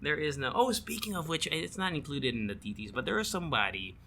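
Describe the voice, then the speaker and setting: A man's voice: fairly high pitch, expressive, fast talker, creaky, sharp tone, slight background noise. A man co-hosting a casual podcast, chatting and reading through a ranked list with frequent laughs. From Philippines. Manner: chatty, breaks into laughter, reads a list aloud. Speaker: podcast co-host. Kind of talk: casual chat.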